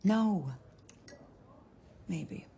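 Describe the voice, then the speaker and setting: A woman's voice: mid-range voice, expressive, very slow, mellow, a little hiss or hum. A woman acting as a doubting, restless character in a screen drama. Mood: uneasy, questioning.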